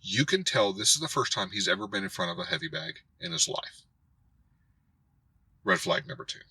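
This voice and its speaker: A man who hosts a karate channel, telling a story as a rant to camera in an animated way and acting out others' voices. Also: sits low, normal speed, breathy edge, low-quality recording. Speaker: karate instructor and channel host.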